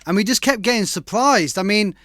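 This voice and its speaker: A man's voice: sits high, animated, fairly quick, a bit bright, no room sound. A man hosting a live stream, giving blunt, sweary, slang-heavy feedback on tracks. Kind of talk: casual chat. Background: faint music playback.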